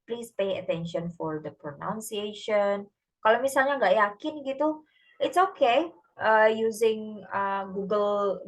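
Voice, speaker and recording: An Indonesian-accented woman teaching an online class in an easygoing, conversational way. She moves freely between two languages as she explains, and her voice sits at an ordinary middle pitch. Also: low-quality recording. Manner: code-switches between Indonesian and English, relaxed and chatty. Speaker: English lecturer. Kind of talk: recorded online lecture.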